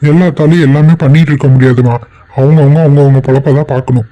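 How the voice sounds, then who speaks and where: Man voicing a cold, dismissive cartoon bystander, low mellow tone, brushing people off. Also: steady tone, fast, dull audio, lightly acted. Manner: dismissive, curt. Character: callous man leaving an injured stranger.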